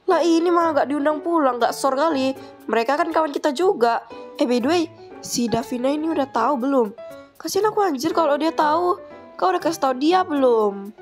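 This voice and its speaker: A blunt, teasing schoolgirl who talks in quick slang, voiced by a woman in a fan-made drama. Her voice sits high, and soft background music runs underneath. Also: lively intonation. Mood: gossiping. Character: Nes, sharp-tongued teenage schoolgirl who loves gossip. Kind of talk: casual role-play drama voices.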